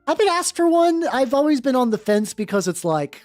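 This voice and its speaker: Over background music, a vtuber host chats casually and reads fanfiction aloud with wry, slangy, sweary comments. Her voice is high, very animated, a little mellow, and moderately paced, and the recording is dry.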